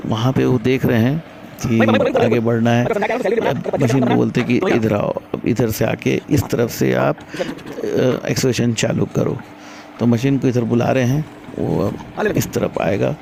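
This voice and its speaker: A man's voice: mid-range voice, creaky, noisy background. A man casually narrating a vlog as he walks around a construction site, explaining the machine work. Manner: relaxed, explanatory, chatty. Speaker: vlogger showing construction work.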